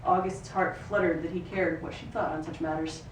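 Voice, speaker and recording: This is a live literary reading: a female actor with a lowish voice narrates a third-person excerpt expressively at normal speed. The space is roomy, the microphone distant, and ambient noise is noticeable.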